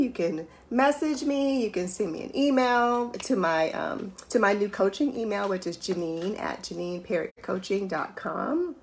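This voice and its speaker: A middle-aged woman, a life coach, giving an earnest, emotional faith-based motivational talk and acting out her inner thoughts in higher voices. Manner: earnest and emotional, voice breaking at times.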